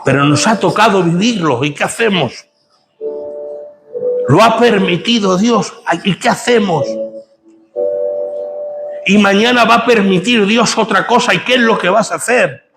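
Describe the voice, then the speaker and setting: Gravelly preaching man over music. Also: sits high, unhurried, pauses often. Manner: preaching with rising intensity and rhetorical questions. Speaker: pastor. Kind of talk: sermon.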